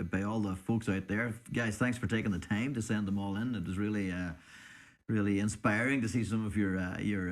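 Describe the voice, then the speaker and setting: A man with a fairly low voice talks as a podcast co-host. His delivery is unscripted and chatty, with hesitant pauses and an appreciative tone as he reads things out. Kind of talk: casual unscripted chat, reading out listener suggestions.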